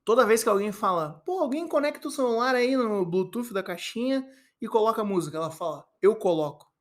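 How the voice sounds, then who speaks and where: A man's voice: high-pitched, lively intonation, a little fast, fairly bright tone. A young Brazilian man with a Brazilian Portuguese accent, hosting a solo podcast and rambling in a playful, mock-solemn way while eating fruit. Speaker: podcast host.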